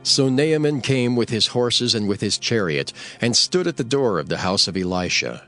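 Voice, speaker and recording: A man's voice: mid-range voice, animated, normal speed, fairly bright tone, soft background music. A man narrating scripture in a dramatized, scripted storytelling style.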